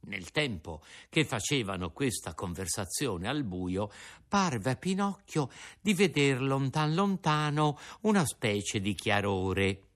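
A man narrating a classic storybook aloud, reading it in a lively way. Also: medium pitch, slow pace. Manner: lively reading with voiced character lines.

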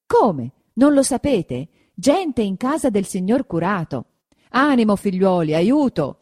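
A woman reading aloud, voicing an excitable church sexton who rouses the villagers. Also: mid-range voice, measured pace, no echo, studio quality, pitched above the performer's own voice. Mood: excited alarm. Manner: loud, excited.

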